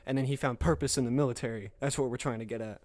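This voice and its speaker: A man's voice: medium pitch, steady tone, rapid-fire, darkish tone, no echo. A man in his late twenties co-hosting a podcast in casual chat, laid-back and jokey, laughing often and swearing. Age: late 20s. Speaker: podcast co-host.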